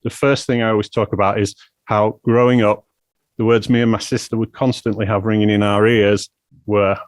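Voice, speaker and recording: A man's voice: lowish voice, flat delivery, moderate pace, no echo. A British man in his forties hosting a podcast, talking candidly and reflectively about his own past. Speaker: podcast host. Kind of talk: conversational podcast intro and interview.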